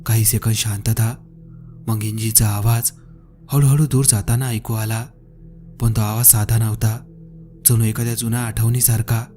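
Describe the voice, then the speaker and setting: A man telling a scripted first-person horror story with a tense, hushed delivery and dramatic pauses. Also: on the low side, little pitch movement. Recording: narration over faint background music.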